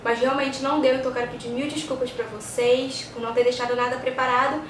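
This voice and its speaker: Higher-pitched Brazilian woman vlogger, echoey room. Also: steady tone, fast talker. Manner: conversational, explanatory, with frequent check-in tags. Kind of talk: casual chat to camera. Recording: echoey, distant mic, clear background noise.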